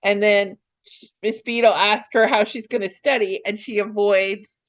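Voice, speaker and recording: Woman, casual recap chat, excitable, acts out lines, slightly muffled recording. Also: medium pitch. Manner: excitable, acts out characters' lines in quick voices. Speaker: podcast co-host.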